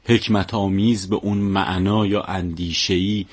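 A man with a very low, husky voice hosts a relaxed podcast conversation. He chats easily with his guest and slips into jokes, acting out the little quotes inside them. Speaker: podcast host. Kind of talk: conversational interview.

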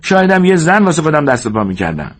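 A man voicing an exasperated, bossy but protective ranch hand in an audiobook, speaking in a high, raised, scolding voice with a husky edge. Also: sing-song. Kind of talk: audiobook character voice.

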